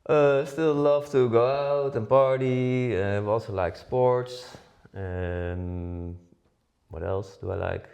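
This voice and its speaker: A man's voice: medium pitch, takes it slowly, gravelly, darkish tone. A Dutch man in his forties co-hosting a podcast, chatting casually with many fillers and restarts. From Netherlands. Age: 40s. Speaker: podcast co-host. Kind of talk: casual chat.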